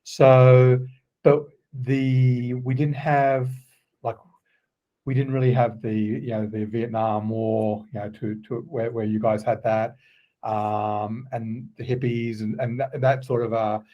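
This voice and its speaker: A man around sixty with an Australian accent, a guest telling stories in a relaxed, halting way with many ums. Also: medium pitch, dull audio. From Queensland, Australia. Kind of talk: casual interview chat.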